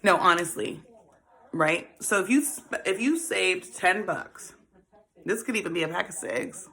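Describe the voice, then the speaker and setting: Lively and a little slow, this fortysomething host has a low, creaky, fairly bright voice. She keeps her casual financial advice talk about saving money chatty, laughing a lot and addressing listeners as honey and baby.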